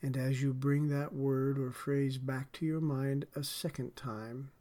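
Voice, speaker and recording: Man guiding a slow relaxation session. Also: medium pitch, level tone, mellow. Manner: soothing, deliberate, measured phrasing. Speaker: podcast host and relaxation guide.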